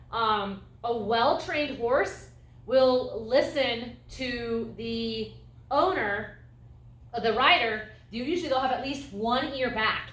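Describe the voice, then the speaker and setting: A woman instructor giving a calm, explanatory lecture on horses, acting out voice tones as she goes. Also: on the high side. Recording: echoey room, mic at a distance.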